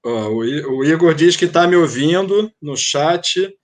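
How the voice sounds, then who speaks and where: A man's voice: fairly high pitch, expressive, unhurried. A man interviewing someone over a video call, his voice distant and breaking up as the call drops out, repeatedly checking whether he can be heard. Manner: checking the connection, repeating hellos. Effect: call dropping out, voice distant and breaking up.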